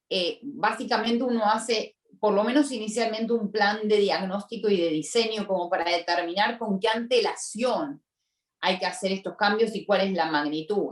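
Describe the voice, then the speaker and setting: A woman tax lawyer, explaining points emphatically and repeating key warnings on a video call webinar. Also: medium pitch. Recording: echoey room, distant from mic.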